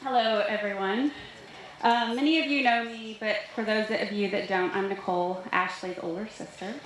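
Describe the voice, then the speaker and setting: A woman's voice: mid-range voice, steady tone, moderate pace. A woman from Nashville giving an informal, chatty wedding toast as the bride's sister, with joking anecdotes. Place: large reverberant room at a wedding reception. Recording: very echoey hall, faint noise.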